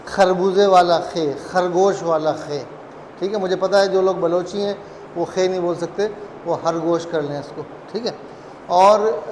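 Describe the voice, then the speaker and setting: High-voiced man teaching in an echoey room. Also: a little mellow, slight background noise. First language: Urdu. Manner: chatty, joking asides, many fillers. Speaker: German language teacher. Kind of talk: casual spoken lesson.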